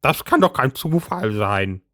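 A shrill, bossy middle-aged housewife from a storybook reading, convinced of a conspiracy and nagging her husband without pause, as a man puts her on. Her voice sits well above a man's and leaps about wildly. The sound is close and dry. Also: very animated, pushed and bright, no echo. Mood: indignant.

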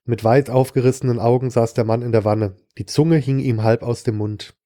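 Male audiobook narrator, mellow dark tone, dry and sardonic reading. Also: medium pitch, steady tone, moderate pace, no room sound. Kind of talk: scripted narration of a short story.

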